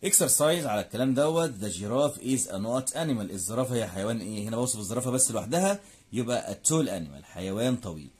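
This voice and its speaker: Lively Egyptian male teacher drilling grammar. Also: medium pitch, quick pace. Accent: Egyptian Arabic. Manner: drills words in English then Arabic, asks and answers his own questions. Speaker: English teacher. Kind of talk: classroom lesson explaining grammar.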